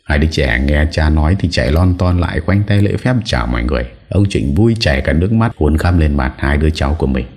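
A man with an extremely low, dark voice narrates a story from a script. His delivery is calm and mellow, and he moves steadily through the scenes. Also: fast talker, few pauses. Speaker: audiobook narrator.

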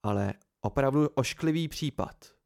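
An anxious young student friend who blurts out his worries, as a man reads him in a home-recorded storybook. The voice sits at an ordinary middle pitch and stays close to the reader's own. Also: lively intonation, creaky, a little mellow. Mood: worried.

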